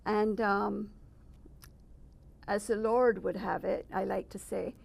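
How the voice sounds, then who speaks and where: Measured, gravelly-voiced middle-aged woman. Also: mid-range voice, fairly even intonation. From Barbados. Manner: thoughtful, measured, with frequent pauses. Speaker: guest. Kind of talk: personal testimony interview. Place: residence.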